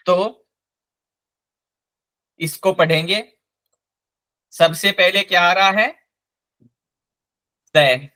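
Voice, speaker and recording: A man teaching a live online language class, slowly and patiently spelling out each sound. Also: high voice, bright, forceful tone.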